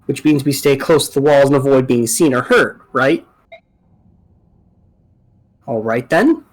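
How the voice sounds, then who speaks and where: A man's voice: medium pitch, unhurried, lightly acted. A man voicing an earnest young mercenary commander, cautious but decisive, in a game read-aloud.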